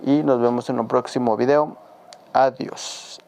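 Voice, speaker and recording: A man with a Mexican Spanish accent teaching a casual spoken language lesson, patiently repeating words slowly for learners. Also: medium pitch, steady tone, creaky, darkish tone, clear, resonant tone.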